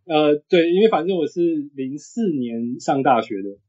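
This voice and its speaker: A man in his thirties with a husky voice, chatting casually as a sports podcast guest. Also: on the high side, animated, moderate pace, a little mellow. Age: 30s. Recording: dull, lo-fi audio.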